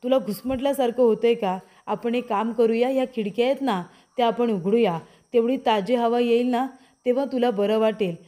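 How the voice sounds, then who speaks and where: The young husband of a TV serial, played by a woman narrator in a warm, slightly high voice, keeps gently pleading with his wife to calm down. She speaks at a normal speed in a natural-sounding voice.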